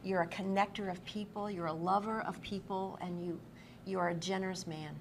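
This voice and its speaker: Reading occasionally from a book, a woman gushes with encouragement as she interviews a guest on stage in a bustling convention room. Her mid-range voice moves fairly quickly with fairly even intonation, and the live audio is clearly noisy.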